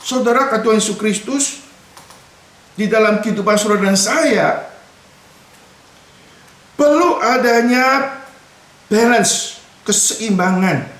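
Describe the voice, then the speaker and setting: A man's voice: sits high, takes it slowly, long pauses, a bit bright. Guy preaching a sermon, talks straight to the congregation, big echoey room. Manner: addresses congregation as brothers and sisters, mixes in English words. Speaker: pastor. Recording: echoey church hall from far off.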